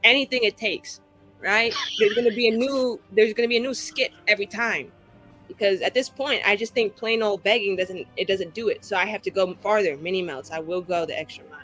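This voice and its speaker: Over background music, a young woman in the cast of a tabletop roleplaying show trades casual jokes with the group, talking in a slangy, theatrical, exaggerated way. Her mid-range voice is fairly bright and a little fast. The recording is rough.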